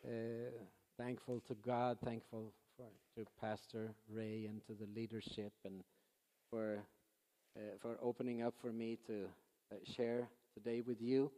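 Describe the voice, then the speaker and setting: A man in his sixties speaks English with a Swedish accent, his voice sitting at a middle pitch. He addresses a church as a visiting missionary, earnest and halting, often stopping to restart a thought. His words ring out with the long reverb of a big sanctuary. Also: flat delivery, dark tone. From Sweden. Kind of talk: church talk. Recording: long reverb of a large hall.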